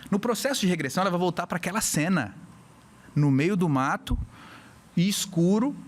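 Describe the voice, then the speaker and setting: Animated Brazilian hypnotherapist, higher voice. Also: male voice, moderate pace. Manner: animated, acts out little scenes with voices. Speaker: hypnotherapist guest. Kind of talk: casual podcast chat, explaining.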